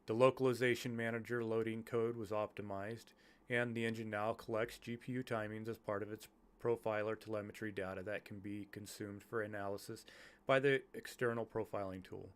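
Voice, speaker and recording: A YouTuber with a lowish, fairly monotone voice reads his game development notes aloud. Congested from illness, he sounds nasal and halts, stumbling and restarting over the technical jargon.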